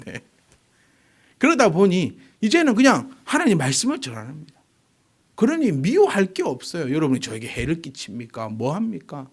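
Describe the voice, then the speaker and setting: A man's voice: on the high side, huge pitch swings, normal speed, slightly rough. A pastor in his forties preaching a sermon, firing rhetorical questions at the congregation. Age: 40s.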